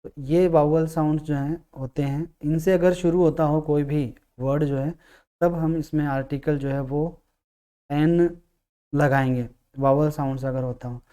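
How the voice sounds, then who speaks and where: A man teaching English grammar, explaining patiently, repeating key words and sounding out vowels slowly. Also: a little high, fairly even intonation, dark tone, clear, resonant tone. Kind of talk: classroom-style explanation.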